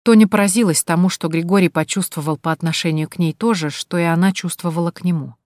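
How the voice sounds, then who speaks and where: A woman reading a novel aloud in an even storytelling manner. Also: on the low side, fast talker, no echo, clean studio sound. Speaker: audiobook narrator. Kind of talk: scripted narration.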